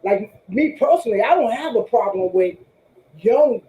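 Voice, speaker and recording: Sixties woman hosting a call panel, rambling storyteller, warm dark tone in an echoey room. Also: a little high, lively intonation, moderate pace, muffled recording. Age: 60s. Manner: chatty, storytelling, repeats herself. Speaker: panel host. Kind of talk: casual panel chat. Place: online group voice call.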